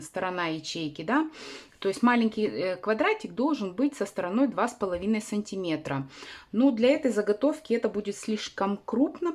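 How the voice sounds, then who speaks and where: A woman hosting a sewing channel, explaining a craft tutorial carefully, often pausing with hesitation sounds. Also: medium pitch.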